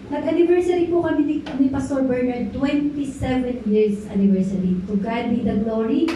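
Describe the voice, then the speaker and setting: Speaking at a normal speed in a high, warm voice, a middle-aged woman pastor delivers a sermon that draws amens and mixes in some English. She is heard from far off in an echoey church hall, with a faint hiss or hum underneath.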